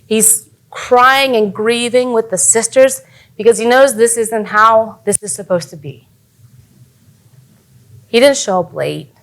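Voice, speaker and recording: A woman's voice: fairly high pitch, slow, pauses often. A young adult woman giving a casual, earnest youth sermon as a youth pastor.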